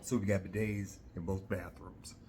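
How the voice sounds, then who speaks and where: Halting middle-aged man chatting over background noise. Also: deep voice, little pitch movement, warm tone. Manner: halting, pausing mid-sentence. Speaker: host of a hobby video channel. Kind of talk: casual rambling vlog chat.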